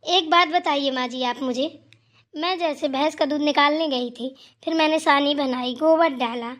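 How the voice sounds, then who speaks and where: Brief: woman doing a scolding elder daughter-in-law for a village cartoon, bright and complaining. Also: high-pitched, normal speed. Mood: pleading. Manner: scolding, grumbling. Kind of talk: Hindi cartoon dubbing.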